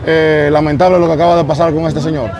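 A man's voice: fairly high pitch, fast, crowd noise. A man with a Dominican accent reporting live from a neighborhood street on a lapel mic, talking straight to his viewers. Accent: Dominican Spanish. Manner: energetic, addresses viewers directly. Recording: outdoor street noise.

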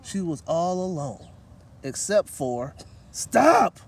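Reading a children's picture book as a guest at an outdoor park table, this middle-aged man has a slightly high, husky voice with a darkish tone and a normal speed. Light outdoor noise comes through a distant mic.

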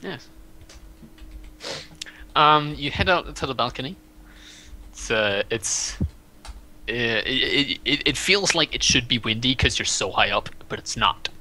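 A man narrating as game master of a tabletop role-playing game, his voice extremely bright and cutting. He feels his way through each description with "uh"s, "um"s and restarts, at a middling pitch. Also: animated, a little slow, pauses often, a little hiss or hum, poor audio. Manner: hesitant, full of fillers and restarts.

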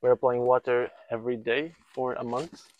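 A man's voice: mid-range voice, level tone, moderate pace, lo-fi sound. A man in his thirties, a volunteer builder, being interviewed outdoors on a countryside building site, speaking in a hesitant way and often restarting his sentences while he looks for words. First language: Portuguese. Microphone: lapel mic.

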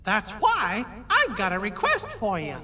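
A man voicing a small, kindly cartoon mouse king in a video game, earnest and encouraging, in a squeaky falsetto. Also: wildly swooping pitch, a little slow, bright, forceful tone, exaggerated voice. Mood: earnest, reassuring. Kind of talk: video game cutscene acting. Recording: long hall reverb.

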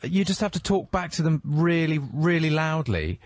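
Co-host guy thinking out loud, unsure, dry studio sound. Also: a little high, lively intonation, normal speed, no echo. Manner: hesitant, musing. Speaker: radio co-host. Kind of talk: casual radio chat.

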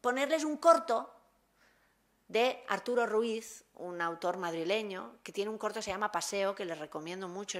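A woman researcher giving a conference talk, retelling a short film vividly and acting out its dialogue. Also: on the low side.

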